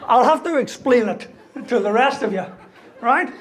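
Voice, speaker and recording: A man's voice: extremely high pitch, animated, moderate pace, slight background noise. A man giving a humorous motivational talk as a university lecturer, asking "right?" after most points. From Ireland. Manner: joking, ends lines with "right?".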